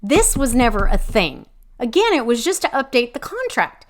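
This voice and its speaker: A woman's voice: a little high, big pitch swings, moderate pace. A woman hosting her own podcast, ranting indignantly about local politics in a rambling, profane way, full of fillers and restarts. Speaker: podcast host. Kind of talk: casual ranting commentary.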